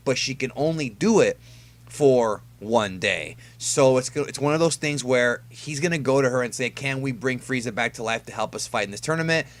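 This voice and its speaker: A man's voice: medium pitch, fairly bright tone. A man hosting casual fan commentary on an anime episode preview, talking conversationally and stressing key words. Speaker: YouTube host reviewing an anime episode preview.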